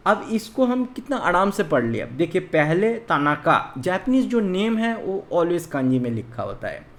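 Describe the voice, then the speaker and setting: Slow, lively-voiced language teacher from India. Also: medium pitch. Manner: explains slowly, counts strokes aloud. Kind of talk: online beginner language lesson.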